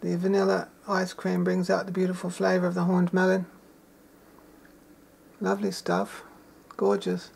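Woman chatting away in her kitchen vlog, bit of a gravelly voice, keeps going on about how yummy it is. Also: fairly low pitch, monotone, normal speed, darkish tone. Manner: chatty and enthusiastic, savoring each taste aloud. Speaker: home gardener and cook. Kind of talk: casual cooking vlog. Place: shearing shed kitchen.

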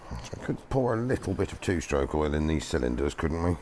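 A man's voice: rumbling low, very animated, a little fast, darkish tone, a little hiss or hum. A man hosting a car-repair video, chatting and joking as he works in a workshop. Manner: chatty, jokey, thinking aloud. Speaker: channel host. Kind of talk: casual workshop chat. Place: garage workshop.

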